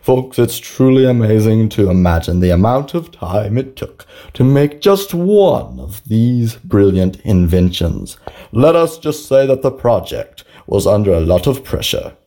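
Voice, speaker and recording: A man playing an earnest salesman in a scripted parody infomercial, giving a grandiose pitch for an absurd product. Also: sing-song, a little slow, dark tone. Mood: grandly earnest. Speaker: advertisement announcer.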